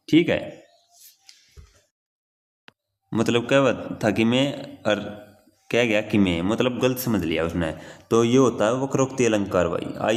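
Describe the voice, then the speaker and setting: Young man teaching grammar casually. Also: fairly low pitch. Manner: repeats key phrases, addresses listener as bhai. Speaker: exam prep teacher. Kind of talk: casual Hindi grammar lesson.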